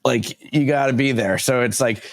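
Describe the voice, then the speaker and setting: A congested man in his thirties talks casually as a podcast guest. His voice sits at a middle pitch, and he rambles and corrects himself as he goes. He laughs easily between thoughts. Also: moderate pace. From United States. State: stuffed up from allergies. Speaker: podcast guest, portrait photographer. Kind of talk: casual interview chat.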